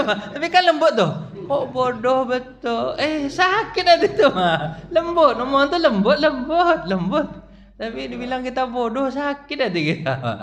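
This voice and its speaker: A man gives a relaxed study lecture in a mosque. He jokes and chuckles as he teaches, and he keeps turning to speak straight to the listeners. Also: high-pitched. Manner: humorous, chuckling, addresses listeners directly. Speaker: religious teacher.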